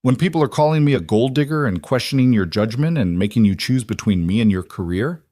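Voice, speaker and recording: A worn-out, guilt-ridden young man, as a male narrator plays him, speaking in a strained, tearful way. The voice sits fairly low, and the room is dry with little reflection. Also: lively intonation, brisk, darkish tone, dry recording. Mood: anguished.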